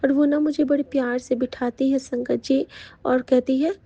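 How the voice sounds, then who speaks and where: A woman giving a heartfelt devotional testimony to the congregation, hesitating often with soft fillers. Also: sits high, little pitch movement, moderate pace. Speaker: devotee sharing a satsang testimony. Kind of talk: devotional testimony, addressing the sangat.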